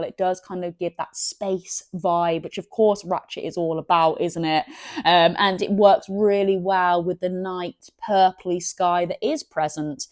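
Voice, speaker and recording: A woman's voice: on the low side, a little mellow, no echo, clean studio sound. A woman hosting a gaming channel, chatting enthusiastically about box art and often stumbling over her words. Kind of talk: casual unboxing commentary.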